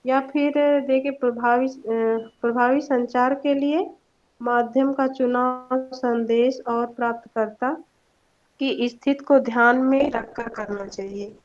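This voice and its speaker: A young woman giving a student presentation in an online class, explaining points with examples and a few hesitant fillers. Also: fairly high pitch. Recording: dull lo-fi online class audio.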